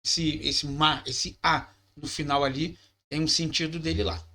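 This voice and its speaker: A man's voice: on the high side, little pitch movement, measured pace, bright, forceful tone. A man teaching a lesson, explaining step by step and often checking in with the class. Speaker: Hebrew teacher. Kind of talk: classroom lecture.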